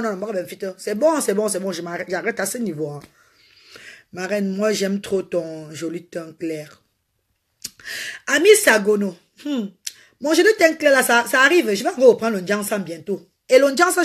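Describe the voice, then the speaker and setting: A woman's voice: medium pitch, expressive, normal speed, breathy edge. A woman hosting a casual live stream, talking animatedly and repetitively to her viewers and greeting them by name. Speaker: live-stream host selling a slimming potion.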